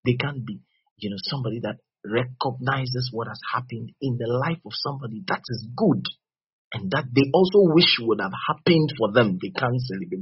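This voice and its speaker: A man's voice: fairly low pitch, breathy edge, no room sound, dull audio. A man with a West African accent preaching a teaching sermon, repeating phrases and checking that his listeners understand.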